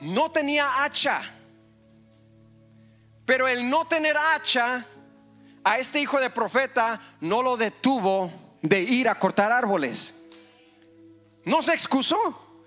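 A male pastor preaching a lively sermon in a church, joking with the congregation and calling for amens. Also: extremely high pitch, takes it slowly, long pauses, faint music behind. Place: church hall.

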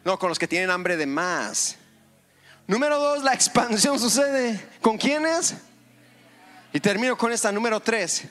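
High, bright-voiced preacher man. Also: measured pace. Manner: lively, joking with the congregation, calls for amen. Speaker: pastor. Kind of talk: sermon. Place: church hall.

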